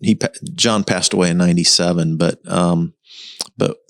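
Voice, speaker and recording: Very deep, gravelly male podcast host. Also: fairly even intonation, fairly bright tone, no echo, studio quality. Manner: halting, with many restarts and "you know". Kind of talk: casual interview chat.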